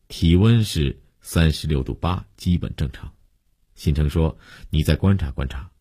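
A man narrating a story in a steady, measured audiobook style. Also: rumbling low, breathy edge, no echo, clean studio sound.

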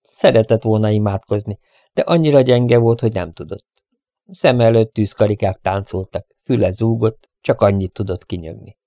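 A man narrating an adventure story in a steady, measured reading voice. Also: on the low side, no room sound, studio quality. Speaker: audiobook reader.

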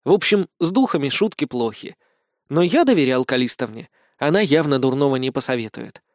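A man narrating a first-person comic fantasy audiobook in an even storytelling read. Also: mid-range voice, fairly quick, no echo, studio quality.

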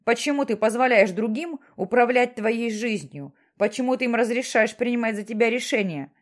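A woman's voice: fairly high pitch, moderate pace, lightly acted. Woman voicing a stern thunderous sky voice. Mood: insistent. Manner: insistent, questioning, lecturing.

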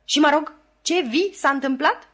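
A woman voicing a sharp-tongued, sarcastic, bossy housewife who scolds in a shrill voice. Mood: sarcastic scolding.

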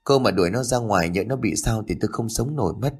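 A man's voice: lowish voice, lively intonation, fast, breathy edge. A man voicing a worried, scolding middle-aged mother in an audio story. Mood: pleading. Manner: scolding, fretful.

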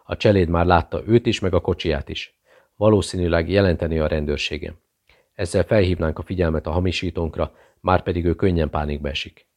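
A man's voice: low voice, steady tone, a little mellow. A man playing a cold, commanding male conspirator giving orders on the phone. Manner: curt and commanding.

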